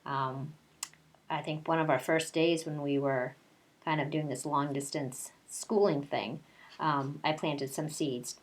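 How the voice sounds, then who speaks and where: A deep, steady, unhurried voice belongs to a kindergarten teacher reading a picture book to young children. Her story time moves between the read-aloud and casual conversation directed at the kids.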